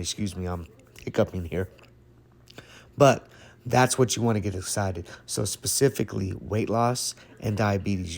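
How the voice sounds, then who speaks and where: A man's voice: on the low side, a little mellow. A man giving casual, emphatic market commentary over charts, checking in with listeners with "okay?" and "right?". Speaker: trading educator.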